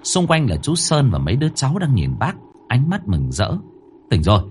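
A man narrating a horror story in a dramatic, highly expressive manner. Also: brisk, slight background noise. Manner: highly expressive, rising to cries.

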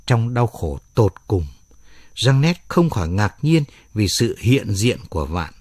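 A man narrating a dramatic story aloud in an expressive storytelling manner. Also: medium pitch, no room sound, clean studio sound.

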